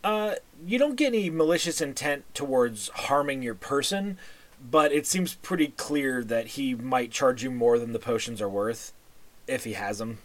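A man running a tabletop game, narrating scenes in a casual, halting, descriptive way. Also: medium pitch, lively intonation. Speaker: game master.

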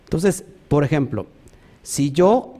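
A man teaching a sermon, stressing points emphatically, often calling out to the congregation and pausing with fillers as he searches for words. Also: fairly high pitch, expressive, warm tone. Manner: emphatic, repeats "ojo" and "amén", talks to the congregation. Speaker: preacher.

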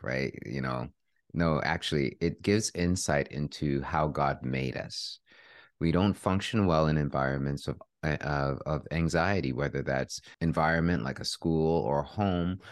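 A man as a parenting expert guest, explaining in a calm, measured way during an interview. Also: rumbling low, no room sound, clean studio sound. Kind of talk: interview answers.

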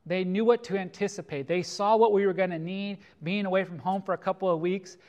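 A pastor preaching with a high, light male voice. He is a middle-aged man from California, earnest and deliberate, drawing out the words he wants to land. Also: fairly even intonation, a little mellow, muffled recording. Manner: earnest, slows down to stress key phrases. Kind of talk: sermon.

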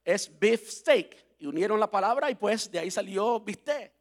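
A man's voice: high-pitched, expressive, brisk. A man from Cuba who speaks, preaching as a pastor in a chatty, playful way and spelling words out letter by letter. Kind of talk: sermon.

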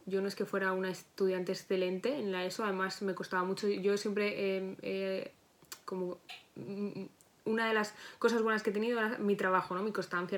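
A young woman, a psychologist chatting as a podcast guest in a reflective, self-correcting way. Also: medium pitch. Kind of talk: casual podcast interview.

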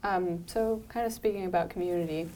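A woman interviews in a relaxed, low voice. She sounds conversational, and there is some noise behind her. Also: a little fast, rough recording. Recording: clear background noise.

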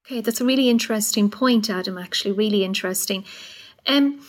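A woman's voice: medium pitch, fast talker. A woman with an Irish accent hosting a podcast interview in an encouraging, attentive manner. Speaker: podcast host.

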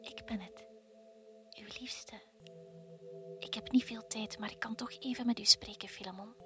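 A woman's voice: on the high side, steady tone, normal speed, music in the background, lightly acted. Woman whispering as a tender ghostly kingfisher, whispered role-play. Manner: tender, soft, consoling. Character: departed female kingfisher, gentle and loving.

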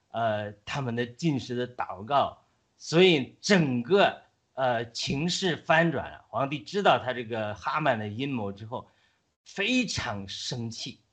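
Animated man retelling a story. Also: mid-range voice, slightly rough. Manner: animated retelling with many fillers and restarts. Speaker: guest. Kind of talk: casual talk-show storytelling.

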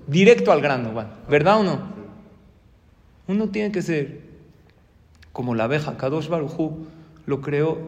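A man with a Mexican accent gives a lively sermon as a rabbi, putting questions to his audience. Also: fairly high pitch, big-room sound.

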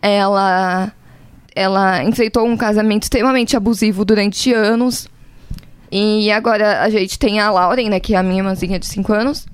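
Young woman, earnest heartfelt chat, smooth clear voice, dry sound. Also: medium pitch, fairly even intonation, moderate pace, dry recording. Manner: heartfelt, earnest, close to tears. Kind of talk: casual chat.

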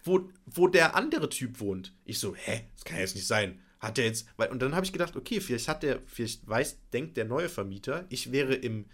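A man's voice: mid-range voice, normal speed, hardly any pauses. A man co-hosting a podcast, casually telling an anecdote and acting out his own reactions. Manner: animated, acts out his own reactions with frequent laughter. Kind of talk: casual storytelling chat.

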